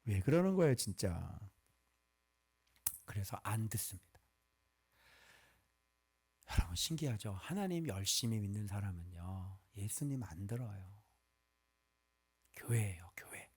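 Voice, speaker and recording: A male pastor delivers a sermon in a chatty, animated style. His pitch rises and falls widely, and he swings between loud outbursts and near-whispers. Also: unhurried, pauses often, breathy edge. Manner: animated, conversational preaching with sudden loud and hushed turns.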